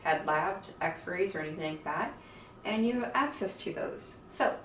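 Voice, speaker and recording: A woman chatting casually to her viewers in a weary, folksy, rambling way, her speech softened by missing teeth, lips over gums. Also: fairly low pitch, lively intonation, unhurried. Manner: chatty, weary, folksy slang, frequent laughs. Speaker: video creator with own channel. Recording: roomy, distant mic, faint noise.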